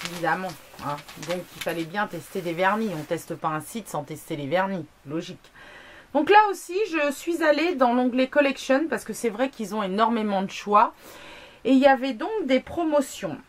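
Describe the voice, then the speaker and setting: A woman vlogging a casual product review, chatty, with many fillers, asides and self-mocking jokes. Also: medium pitch. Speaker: beauty blogger.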